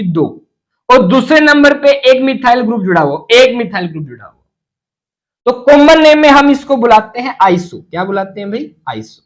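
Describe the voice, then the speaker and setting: A man's voice: very high-pitched, rough recording. A man teaching chemistry as a lecture. He asks the class questions and then answers them himself, and he drops English terms into his explanations.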